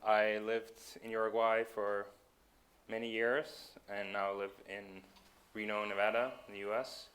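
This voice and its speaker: A man's voice: lowish voice, level tone, a little slow, a bit bright, clear, resonant tone. A man from Denmark, giving a conference talk with frequent ums and self-corrections. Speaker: conference speaker.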